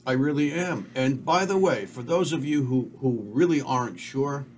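A middle-aged man talks casually as a podcast co-host, rambling and sure of his opinions. His voice sits at a middle pitch. A faint hiss runs underneath. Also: animated, moderate pace, a little mellow. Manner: rambling, opinionated, self-assured. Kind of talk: casual chat.

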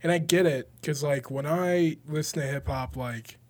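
Another young male podcast co-host talks about music in a relaxed, slang-heavy way, swearing now and then. His voice sits a little high with a darkish tone, and he speaks at normal speed.

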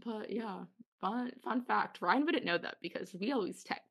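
A woman's voice: mid-range voice, lively intonation, normal speed, creaky, fairly bright tone. Young woman hosting a chatty podcast, giggly and upbeat. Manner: bubbly, giggly. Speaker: podcast host. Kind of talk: casual chat with friends.

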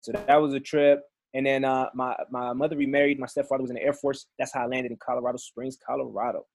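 A man's voice: mid-range voice, little pitch movement, quick pace, a little mellow, no echo. Easygoing man. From Belgium and Congo. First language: French. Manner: friendly, easygoing storytelling. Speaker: guest musician. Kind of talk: casual podcast chat.

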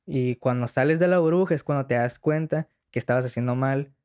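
A man's voice: medium pitch, brisk, a little mellow, clear, resonant tone. A young man, hosting a casual, slangy conversation as the interviewer.

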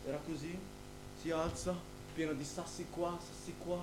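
A young man in casual podcast chat, telling a childhood story in an animated, slangy way with many restarts. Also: a little high, normal speed, a crowd in the background. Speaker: podcast co-host. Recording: noisy with a steady hum.

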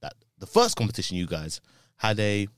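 A man hosting a casual football podcast, lively and slangy, quick to laugh. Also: lowish voice, clear, resonant tone, no room sound, clean studio sound. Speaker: podcast host.

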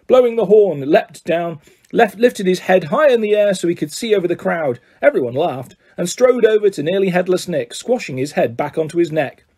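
A man reading a children's novel aloud with lively, expressive narration. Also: sits high, normal speed, breathy edge. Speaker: reader.

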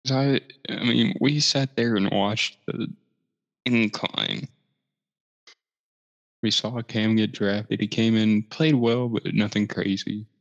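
Slow, gravelly man in an echoey room. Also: on the low side, fairly even intonation. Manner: laid-back, swears, laughs often. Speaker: podcast co-host. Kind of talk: casual sports chat. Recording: roomy echo, dull lo-fi sound.

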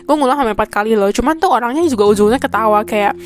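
Chatty young woman podcaster, higher voice. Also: very fast, faint music behind. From Indonesia. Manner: chatty, full of fillers like "kayak" and "gitu kan". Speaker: podcast host. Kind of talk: casual storytelling monologue. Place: a room in Taiwan.

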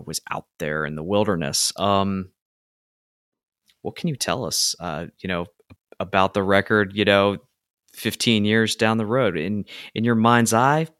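A man hosting a music podcast, reading a measured introduction and then chatting easily with his guest. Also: low voice, no echo, clean studio sound. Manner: measured scripted intro, then relaxed chat. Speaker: podcast host. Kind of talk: podcast interview.

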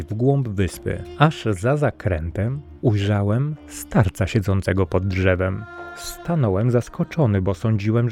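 A man narrating a storybook adventure in the first person. His low voice carries the tale with vivid, expressive storytelling. Soft music plays faintly under the reading. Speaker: audiobook narrator. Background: faint background music.

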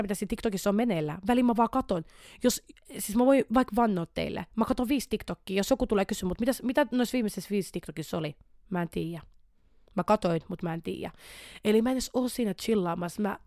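A woman's voice: medium pitch, a little mellow, no echo, clean studio sound. A young woman hosting a podcast, talking candidly and animatedly about her own struggles, often restarting and repeating words and slipping English words into her speech. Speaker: podcast host. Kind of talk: candid personal podcast monologue.

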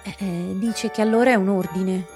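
A woman's voice: medium pitch, fairly even intonation, normal speed, music in the background, close to an everyday voice. A woman voicing a patient unborn girl in a children's fairy-tale audio play. She coaxes the boy and relays what an unseen voice says. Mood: coaxing, quarrelsome.

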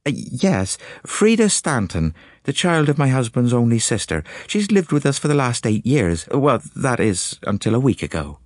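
Reading an audiobook, a man voices an anxious, indignant middle-aged woman who speaks primly and complains, with a fretful mood. His medium-pitched, sing-song delivery moves at a moderate pace with a darkish tone, pitched above his own voice, in a dry, clean studio recording.

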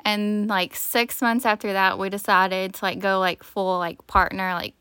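A woman's voice: mid-range voice, flat delivery, measured pace, pushed and bright, clear, resonant tone. A woman co-hosting a podcast, telling a story in casual chat and leaning heavily on "like". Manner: storytelling, heavy use of "like". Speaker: podcast co-host.

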